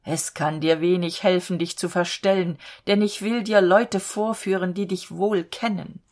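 A woman's voice: fairly low pitch, steady tone, unhurried, darkish tone, close to an everyday voice. A woman reading the lines of a stern, commanding male robber chief in a spoken fairy tale. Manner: wrathful, commanding.

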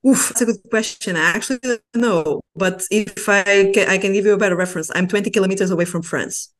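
A woman's voice: mid-range voice, fast. A woman in her thirties from Portugal, a researcher patiently explaining her science in an interview, with small hesitations. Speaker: postdoctoral researcher, guest.

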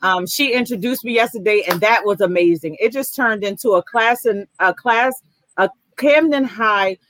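A woman's voice: medium pitch, normal speed, a bit bright, no echo, rough recording. A woman hosting an online talk session, chatting in an enthusiastic, slangy way. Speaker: host. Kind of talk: casual online talk show chat.

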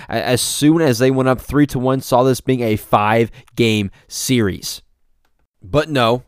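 A man's voice: mid-range voice, smooth, dry recording, clean studio sound. A young man hosting a solo sports podcast, giving opinionated takes and often stumbling and repeating himself. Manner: opinionated, repetitive, stumbles over words. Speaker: podcast host.

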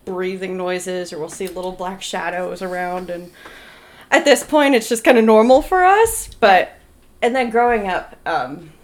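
A woman's voice: on the low side, unhurried. A young adult woman, a podcast guest, earnestly telling stories in casual chat with many fillers. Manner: earnest, filler-heavy storytelling.

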